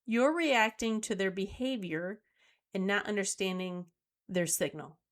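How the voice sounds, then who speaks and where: Middle-aged woman host, solo talk; slow, deliberate coaching delivery at a middle pitch. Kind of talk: solo talk on emotional skills.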